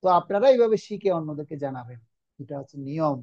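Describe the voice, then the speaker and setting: Teacher, middle-aged man, online class, slow repetitive drilling, mellow dull-sounding voice. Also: on the high side, animated, dry recording. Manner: slow drilling repetition of words, quizzing students. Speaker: religious course teacher. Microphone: online video call.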